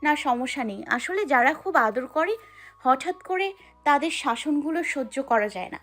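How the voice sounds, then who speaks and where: A woman's voice: high-pitched, expressive, moderate pace, a bit bright, soft background music. A woman voicing a shy but stubborn young wife who protests and pouts in an audio love story. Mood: tender. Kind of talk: audio drama acting.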